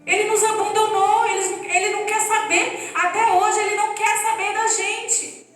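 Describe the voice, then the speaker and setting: A woman's voice: very high voice, little pitch movement, normal speed, fairly bright tone. A woman giving an earnest, emotional personal testimony to a church congregation. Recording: echoey hall, distant mic, faint music.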